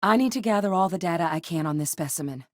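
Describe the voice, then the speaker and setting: A voice actress with a low-pitched voice plays a composed middle-aged woman, an earnest scientist and war veteran in a space video game, delivering scripted dialogue in an articulate, measured, animated but lightly acted way. The recording is very dry, with no echo.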